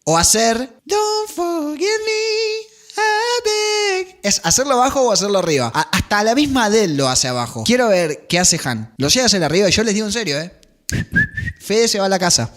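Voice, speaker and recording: A man with a Rioplatense Spanish accent, commentating excitedly on music clips, swearing and singing along. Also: high voice, fast. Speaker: reaction video host. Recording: music clips playing behind.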